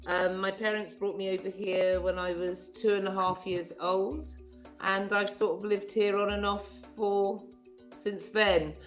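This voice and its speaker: A woman born in Nigeria, an actress, speaking in a relaxed, personal way in an interview. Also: mid-range voice, a little slow, faint music behind. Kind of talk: interview conversation.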